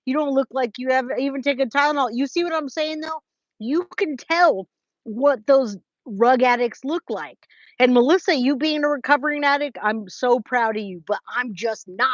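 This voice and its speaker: In a high-pitched voice at normal speed, an American true crime livestreamer in her forties from California chats with viewers about their comments. She's informal and emphatic, with lots of repetition for effect, and calls people guys, babe, and my love. The sound is lo-fi with no echo.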